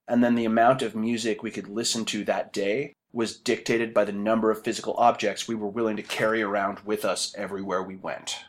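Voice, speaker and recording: A man in his thirties hosting a podcast, reading a wry, essay-like monologue in a measured way. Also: medium pitch. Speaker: podcast host. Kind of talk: podcast talk with a written monologue.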